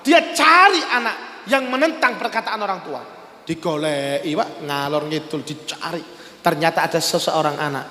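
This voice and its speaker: A man with an East Javanese accent preaching in a lively, storytelling way, acting out the dialogue of his tale at a religious gathering. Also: on the high side, normal speed. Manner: animated, acts out the story's dialogue with swings in voice. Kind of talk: storytelling sermon. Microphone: lavalier clip-on mic. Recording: echoey hall with long reverb.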